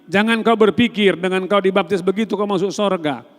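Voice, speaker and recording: Man, pastor, sermon, high voice, echoey church hall. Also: a little fast. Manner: storytelling preacher acting out dialogues, swinging from loud to hushed.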